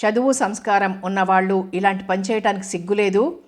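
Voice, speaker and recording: A woman's voice: medium pitch, steady tone, fairly quick, natural voice. Woman reading a hurt, reproachful wife. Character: hurt, angry young wife.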